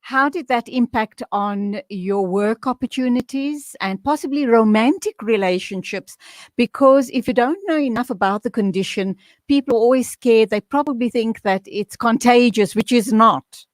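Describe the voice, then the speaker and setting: A woman hosting a radio interview, asking questions in a calm, measured way. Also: on the high side, no echo, studio quality. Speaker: radio host.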